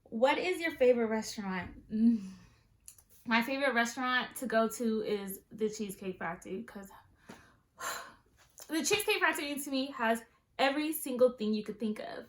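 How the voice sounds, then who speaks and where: A Southern California woman in her twenties, a beauty vlogger, chats with her viewers in a sassy, playful way full of asides. Her voice is a little high and moves at normal speed, recorded in an echoey room.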